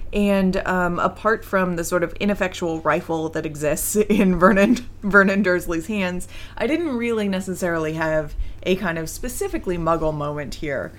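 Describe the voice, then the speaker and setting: Lower-voiced woman chatting thoughtfully on a podcast. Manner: thoughtful, giggly, meandering. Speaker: podcast co-host. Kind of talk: casual podcast chat.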